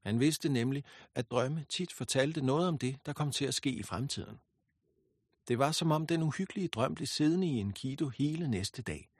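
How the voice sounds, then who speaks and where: Male narrator, storybook reading, husky, dry close sound, expressive. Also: medium pitch, no room sound.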